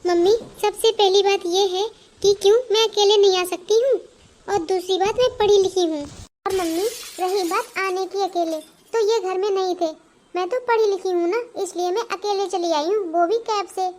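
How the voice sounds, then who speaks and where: A woman's voice: extremely high pitch, fairly even intonation, normal speed, darkish tone. A woman voicing a defiant young bride. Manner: defiant, talks back sharply. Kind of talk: Hindi cartoon voice acting.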